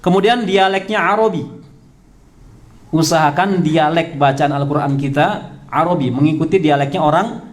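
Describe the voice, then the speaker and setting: An Indonesian man giving a study lecture to a congregation in a prayer hall, repeating key points and drawing out terms slowly. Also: a little high. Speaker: religious teacher.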